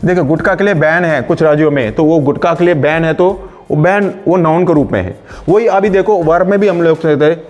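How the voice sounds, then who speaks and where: A man teaching English grammar in Hindi, explaining words slowly and reading out English example sentences. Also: fairly high pitch, darkish tone, highs cut off, soft background music. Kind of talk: online spoken-English lesson in Hindi.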